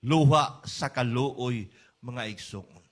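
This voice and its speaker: A middle-aged man with a Cebuano accent preaching a sermon, mixing English and Cebuano and rising to high, emphatic peaks. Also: takes it slowly. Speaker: pastor.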